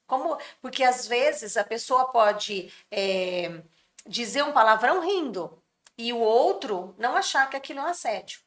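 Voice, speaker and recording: This woman's voice is a little high, animated, and a little slow. Her first language is Brazilian Portuguese, and as a guest on a podcast she earnestly talks through workplace mental health, at times performing other people's quoted words.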